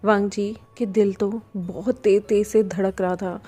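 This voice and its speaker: A woman narrating a fan fiction story in a steady, even storytelling manner. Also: mid-range voice, a little slow, slightly rough.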